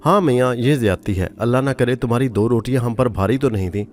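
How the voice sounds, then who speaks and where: A man voicing a kindly middle-aged lady of the house who speaks in a gentle, worried way. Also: mid-range voice, fast talker, a little hiss or hum, natural voice. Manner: gentle, worried, soft-spoken.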